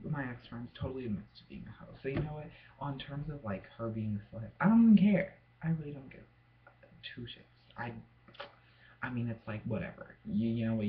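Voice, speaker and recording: Tipsy young guy rambling on a vlog, drags his words, muffled lo-fi sound with noise behind. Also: mid-range voice. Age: young adult. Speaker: vlogger. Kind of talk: casual rambling rant. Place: indoors at a desk at home. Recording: muffled lo-fi home recording, clear background noise.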